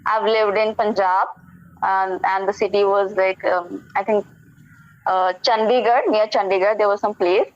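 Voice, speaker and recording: Here a young adult Indian woman practices conversation as a student over a lo-fi, dull-sounding video call. Her medium-pitched voice holds a steady tone at normal speed, and she is polite, eager, hesitant and full of fillers.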